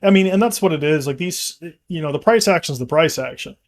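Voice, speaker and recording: A man's voice: on the high side, lively intonation, fast. Man talking crypto markets, rambling. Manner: rambling, frequent restarts and fillers, laughs easily. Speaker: company executive co-host. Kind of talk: casual market discussion.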